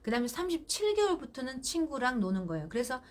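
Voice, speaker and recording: A middle-aged woman giving parenting advice on a live stream, firm and animated, acting out what mother and child say. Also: sits high, fast. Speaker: parenting counselor.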